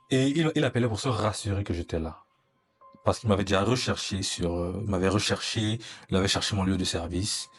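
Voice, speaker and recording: Young man, low-pitched, earnest storyteller, faint music behind. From Cameroon. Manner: earnest, recounting, acts out dialogue. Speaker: interviewee. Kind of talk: personal storytelling.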